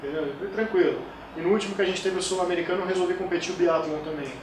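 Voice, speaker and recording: In a relaxed interview, this man in his forties, who coaches kettlebell sport, speaks in a high voice at a very fast clip. He tells lively stories and performs the voices he quotes. The mic sits far away, and the room is echoey and noisy.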